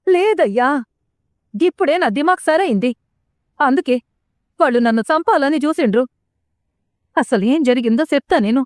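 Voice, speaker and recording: A woman's voice: sits high, animated, normal speed, pauses often, darkish tone, no echo, studio quality. A woman voicing a worried village mother with a Telangana accent, pleading and urgent in a serial recap. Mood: earnest. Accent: Telangana Telugu.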